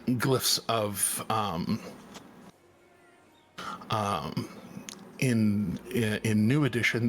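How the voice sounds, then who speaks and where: A man narrating as game master, halting often with many fillers and restarts. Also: lowish voice, fairly bright tone, slight background noise.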